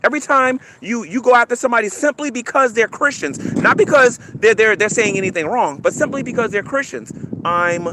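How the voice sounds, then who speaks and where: A man's voice: very high-pitched, lively intonation, brisk, background noise. A man ranting on a livestream, taunting and defiant, stammering and repeating himself, breaking into mocking laughter. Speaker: YouTube livestreamer.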